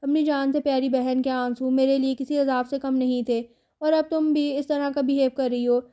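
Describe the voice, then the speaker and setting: A woman's voice: high voice, flat delivery, dark tone, natural voice. A woman voicing a remorseful young husband who begs forgiveness, in a novel read aloud. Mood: pleading. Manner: self-pitying, pleading.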